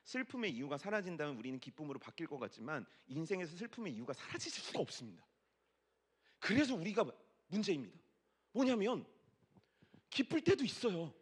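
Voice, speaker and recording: A man in his forties preaching as a pastor, chatty and teasing with the congregation, his voice swinging between loud and hushed. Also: a little high, big pitch swings, a little fast, pauses often, slightly rough. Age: 40s. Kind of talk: sermon at a youth worship service.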